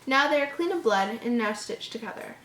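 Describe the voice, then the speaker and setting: A woman reads a horror story aloud informally, tripping over words and breaking off for amused, disbelieving jokes. Her fairly high voice is animated, fairly quick and a bit bright. It sounds like a roomy, echoing home recording.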